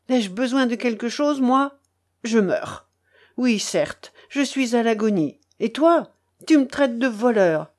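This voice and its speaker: A woman voicing a bitter, dying old grandfather with a hoarse, choked voice and anguished outbursts. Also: fairly high pitch, a little mellow. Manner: anguished outbursts, pleading to God.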